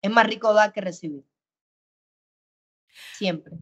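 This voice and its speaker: A woman guest on an interview show who talks in a loud, emphatic and animated way. Her voice swings between loud bursts and soft asides. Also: mid-range voice, slow, breathy edge. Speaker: actress guest. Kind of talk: casual interview chat. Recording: dull lo-fi sound.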